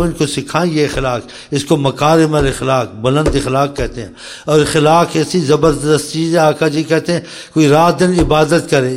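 A man preaching a storytelling sermon who speaks straight to his listeners, asks them rhetorical questions and often drops into soft, quiet asides. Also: on the high side. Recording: long hall reverb.

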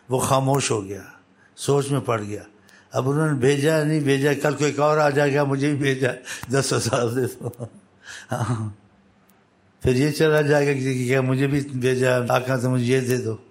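A man preaching by storytelling, voicing the people in his tale with lifted pitch, with halting restarts and repetitions. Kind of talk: storytelling sermon.

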